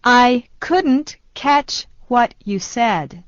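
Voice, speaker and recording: A woman slowly and deliberately repeating short phrases for learners in a language lesson. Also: on the high side, lively intonation, no room sound. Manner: very slow, deliberate delivery. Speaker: phrase reader. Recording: dull lo-fi dry sound.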